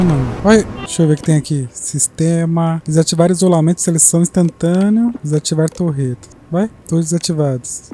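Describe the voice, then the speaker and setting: A man giving excitable gameplay commentary, cursing at enemies as he plays. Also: on the high side. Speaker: gaming streamer. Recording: voice over loud game music.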